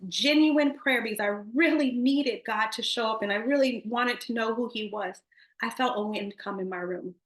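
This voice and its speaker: A woman's voice: a little high, a bit bright. A woman in her thirties giving an earnest, emotional personal faith testimony, speaking directly to her viewers. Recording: echoey room.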